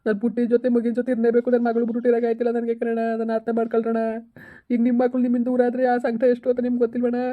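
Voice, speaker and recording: A man's voice: extremely high pitch, completely flat delivery, very fast. A man playing a tearful, begging husband. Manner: pleading, tearful, repetitive. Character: desperate young husband begging to win back wife. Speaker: estranged husband in a village comedy skit. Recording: tinny phone-like sound.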